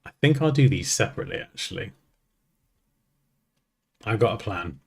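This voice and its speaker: A man teaching design software, thinking aloud in a casual, joking way as he works. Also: fairly low pitch, animated, normal speed, creaky, husky. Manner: chatty, thinks aloud, jokes at himself. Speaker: design tutor. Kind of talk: casual screen-recorded software tutorial.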